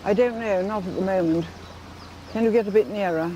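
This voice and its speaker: A woman's voice: mid-range voice, a little fast, mellow, lo-fi sound, a little hiss or hum. An older woman chatting casually as a travel co-presenter. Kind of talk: casual conversation.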